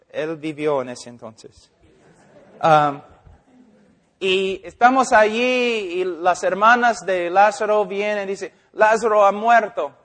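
Male pastor preaching, slow emphatic delivery, reverberant church hall. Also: high voice. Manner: preaching with slow deliberate emphasis, acting out quotes. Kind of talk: sermon. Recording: long reverb of a large hall.

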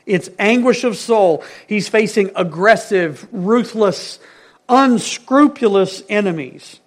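Man, preacher, sermon, fairly high voice, emphatic, loud stresses and soft drops, questions the congregation. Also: lively intonation, takes it slowly. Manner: emphatic, swings between loud stresses and hushed phrases.

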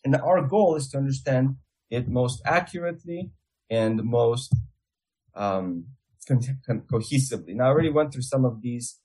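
A man's voice: mid-range voice, lively intonation, normal speed, warm tone, breathy edge, low-quality recording. A man with a Russian accent giving a theology lecture as a Bible teacher, explaining things step by step.

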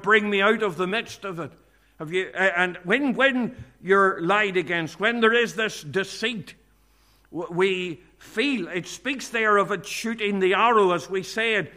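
A man preaching a sermon at a church meeting, earnest and measured, often quoting scripture. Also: high-pitched, bright, forceful tone.

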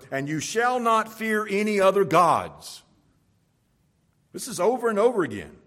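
Husky-voiced man preaching a sermon. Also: a little high, fairly bright tone. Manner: reads scripture aloud with emphatic rises. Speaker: pastor. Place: church sanctuary.

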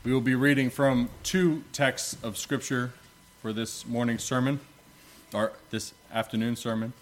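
A man preaching at a pulpit microphone in a church sanctuary. He prays and reads scripture at a measured, solemn pace, using archaic biblical phrasing, with a voice of ordinary pitch. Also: fairly even intonation, slight background noise. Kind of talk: prayer and scripture reading in church.

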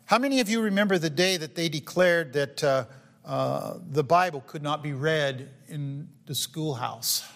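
A man's voice: fairly high pitch, moderate pace, gravelly, fairly bright tone. A man preaching a sermon to a congregation, earnest, with frequent fillers and restarts, often asking his listeners questions. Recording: long hall reverb.

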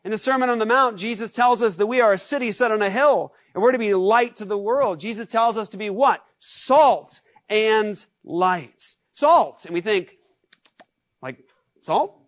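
Pastor, male, animated sermon delivery with rhetorical questions, dry sound. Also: high voice, normal speed, few pauses, no echo. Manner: acts out shouted scenes.

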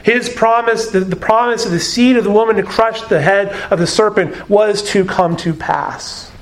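High-voiced man preaching earnestly. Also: moderate pace, poor audio. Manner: earnest, emphatic preaching with rhetorical questions. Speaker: pastor. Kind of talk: sermon.

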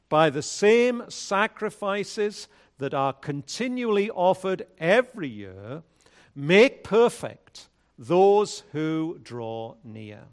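A man speaking at a pulpit microphone, a pastor leading prayer and reading scripture in a measured, solemn way. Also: on the high side. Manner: measured, solemn liturgical delivery.

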